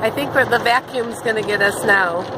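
A high-voiced older woman, a grandmother, narrates casually from inside a car in a car wash. She speaks in playful exclamations into a handheld device, with very loud machinery roaring around her. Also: moderate pace, heavy background noise. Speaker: grandmother filming a home video. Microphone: handheld phone or camera.

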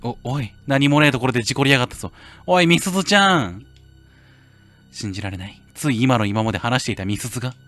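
A male game streamer playing a horror game, reading the story text softly and breaking into loud, excited outbursts between lines. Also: medium pitch, rapid-fire, few pauses, faint music behind. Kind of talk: horror game playthrough, reading dialogue aloud with commentary.

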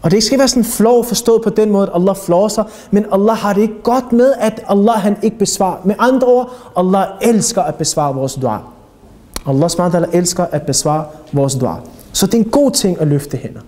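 A man giving a religious lecture to young people as an Islamic teacher, talking animatedly and putting rhetorical questions to his listeners. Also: sits high. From Denmark. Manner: animated, addresses audience directly with rhetorical questions.

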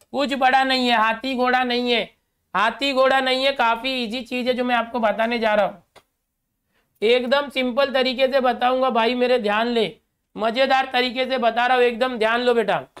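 A man's voice: extremely high pitch, a bit bright, smooth. A middle-aged Indian man teaching a class, who explains each word and repeats it, then asks the students to say it back. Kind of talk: classroom lecture.

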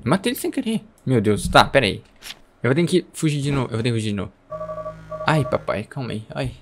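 A young Brazilian man streaming a video game, excitable and self-mocking, groaning at his own failures. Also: mid-range voice, a little fast. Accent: Brazilian Portuguese. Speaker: gaming streamer. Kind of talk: live gameplay commentary. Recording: game music in the background.

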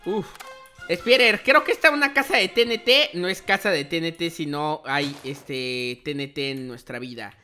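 A gaming video channel host commentates on a gameplay roleplay video, playful and exclaiming, repeating words in bursts. His high-side voice is pushed and bright, at normal speed, with music playing behind him.

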